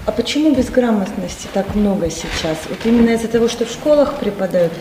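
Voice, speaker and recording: A woman's voice: medium pitch, lively intonation, fast talker, a crowd in the background. A woman correspondent asking probing questions in a conversational way. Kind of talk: interview questions. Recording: roomy, echoey recording with faint noise.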